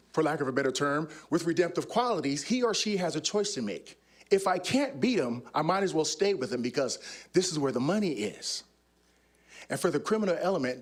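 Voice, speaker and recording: A middle-aged man, a former undercover officer, telling stories on stage in a demonstrative, act-it-out way. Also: on the high side. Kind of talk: animated storytelling talk on stage. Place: stage before an audience.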